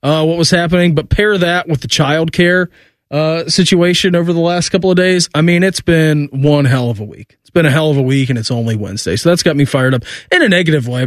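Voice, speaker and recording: A man's voice: fairly high pitch, quick pace, no echo, clean studio sound. A man hosting a sports radio show in a casual, chatty style. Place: dry radio studio.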